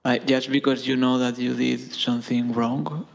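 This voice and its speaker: A man's voice: medium pitch, flat delivery, normal speed, creaky. A young man politely asking his teacher a question, hesitant. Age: young adult. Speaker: student.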